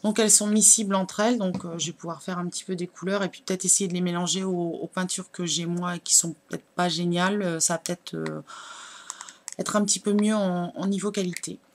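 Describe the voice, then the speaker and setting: A woman's voice: on the low side, fairly even intonation, fairly quick, a little hiss or hum. A woman, chatting casually as a beauty blogger while unboxing nail products, with lots of hesitant fillers. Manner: chatty, many fillers, shows products to camera.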